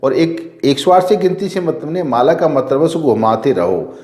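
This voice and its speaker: Priest who quizzes then answers himself. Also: male voice, fairly high pitch, very animated, normal speed, a little mellow, reverberant. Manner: asks rhetorical questions and answers them himself; repeats key phrases for emphasis. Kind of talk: devotional teaching talk.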